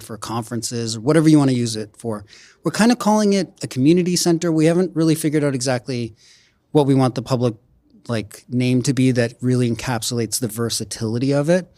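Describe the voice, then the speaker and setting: Man, mid pitch, dry studio sound, explanatory interview talk, frequent "right?" tags. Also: a little mellow, no echo. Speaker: restaurant group representative. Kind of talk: conversational interview.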